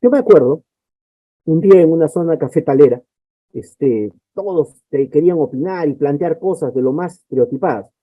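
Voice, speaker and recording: A man lectures on handling conflict, explaining step by step and voicing little example dialogues. His voice sits a touch high for a man. The sound is dry and narrow, as if heard over a phone line. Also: moderate pace, no echo. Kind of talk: conference lecture.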